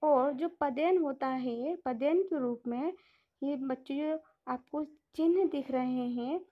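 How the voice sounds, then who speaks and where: Slow, high-voiced woman teacher. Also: lo-fi sound. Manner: slow patient explaining, often addressing children. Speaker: primary school teacher. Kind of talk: online class lesson.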